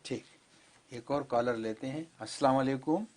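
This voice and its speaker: A man's voice: medium pitch, a little mellow. A man hosting a call-in show, bringing in each caller with short, businesslike lines. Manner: brief, businesslike. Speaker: show host taking callers.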